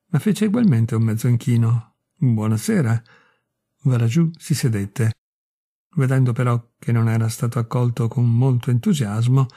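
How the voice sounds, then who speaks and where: A man reading a short story aloud in a measured, expressive storytelling style. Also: medium pitch, slightly rough. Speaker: reader of literature.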